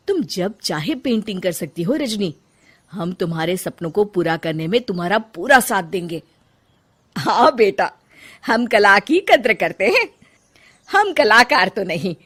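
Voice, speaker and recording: A woman voicing a worried mother-in-law in a cartoon story who turns kind and proud. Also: mid-range voice. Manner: scolding, then warm and proud. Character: older mother-in-law, fussy then kind. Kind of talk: cartoon voice acting.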